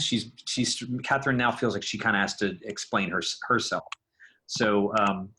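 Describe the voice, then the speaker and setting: Bright and forceful, this medium-pitched male voice carries a little hiss or hum. He's a sound design instructor giving a casual screen tutorial, explaining as he thinks out loud.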